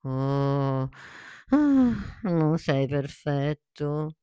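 A woman voicing a shy, tender young tree in a children's story, speaking softly and hesitantly. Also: deep voice, very animated, extremely slow, clean tone, dry recording, clean studio sound, exaggerated voice. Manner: soft, hesitant and wondering.

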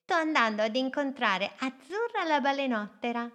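A tiny toy boat with a high, bright little voice, played by a woman reading a storybook. She sounds eager and cheerful, and her exclamations tumble out breathlessly. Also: lively intonation, normal speed.

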